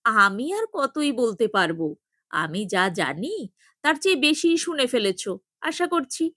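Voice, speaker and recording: An unruffled young man with a dry, joking way of talking, voiced by a woman narrator. He stays calm and wry, in a fairly high voice. The sound is dry and close. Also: moderate pace, no echo. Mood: wry teasing.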